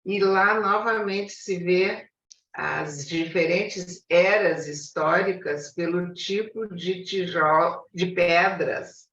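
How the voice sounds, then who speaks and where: A Brazilian woman in a study group earnestly urges the others to plan a visit during a casual online group discussion over a video call. Her voice is low and a bit bright, at a slow pace, and the call audio sounds distant, echoey and dull.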